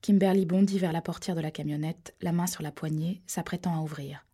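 A woman narrating an audiobook thriller in a hushed, low-key manner. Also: fairly even intonation, a little fast, husky.

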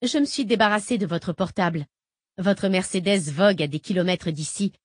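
A woman reading the part of a fugitive woman FBI agent, calm, patient and quietly menacing. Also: mid-range voice, normal speed, dry recording, studio quality, close to an everyday voice. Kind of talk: audiobook character reading.

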